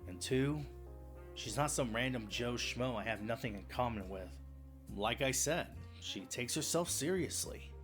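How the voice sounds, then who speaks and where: A man's voice: mid-range voice, animated, unhurried, fairly bright tone, faint music behind. A man voicing a reluctant, grumbling young male defense attorney in fan game voice acting. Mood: grumpy.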